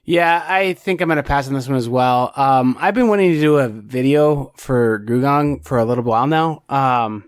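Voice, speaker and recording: A board game podcast co-host talks casually at a normal speed, barely pausing, and keeps rambling with many restarts and fillers. His mid-range voice is clear and resonant, captured cleanly in a studio without echo.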